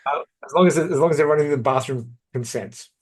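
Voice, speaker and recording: A man's voice: fairly high pitch, fast talker, darkish tone. A man co-hosting a podcast, chatting casually with dry, laid-back quips. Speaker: podcast co-host. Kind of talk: casual podcast sign-off chat.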